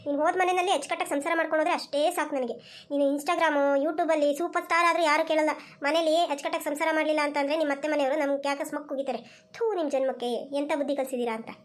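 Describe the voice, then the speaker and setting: A woman's voice: high voice, fairly even intonation, rapid-fire, lightly acted. A woman voicing a strict village mother in a cartoon, who scolds and nags. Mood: nagging. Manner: scolding, nagging. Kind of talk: cartoon voice acting.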